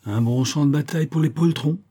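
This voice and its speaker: A man's voice: a little high, brisk, warm tone, husky, voice pushed up. A man doing a cheeky stubborn soldier. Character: brash stubborn male soldier orderly.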